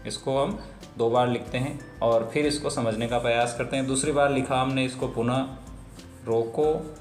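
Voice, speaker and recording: A man's voice: mid-range voice, little pitch movement. Man teaching a grammar lesson, roomy echo. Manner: slow, explanatory, repeats phrases for emphasis. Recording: roomy echo with faint music.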